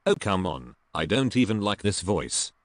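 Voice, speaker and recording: A man's voice: low-pitched, very animated, normal speed. A synthetic-sounding male voice playing a sarcastic sidekick with a posh English accent who complains dryly. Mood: grumbling.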